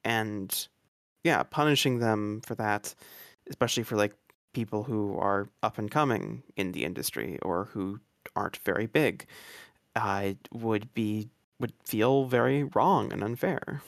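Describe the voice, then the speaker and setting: A man on a gaming podcast panel, talking in a measured, thoughtful way. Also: fairly low pitch, no room sound, clean studio sound. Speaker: podcast panelist, game reviewer. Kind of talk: casual chat.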